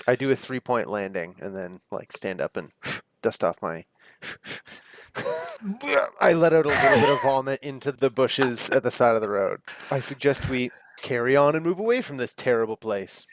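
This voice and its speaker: A man's voice: mid-range voice, lively intonation, normal speed, slight background noise. A man playing a tabletop game, playfully describing his character's actions. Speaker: player. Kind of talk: tabletop role-play.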